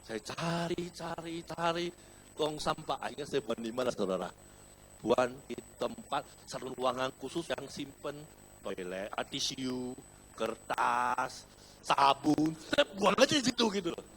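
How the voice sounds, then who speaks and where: Lively Indonesian pastor preaching. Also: male voice, medium pitch, a little slow, slight background noise. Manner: animated storytelling, addresses congregation as saudara, mixes in English words. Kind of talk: sermon with personal story. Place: church hall.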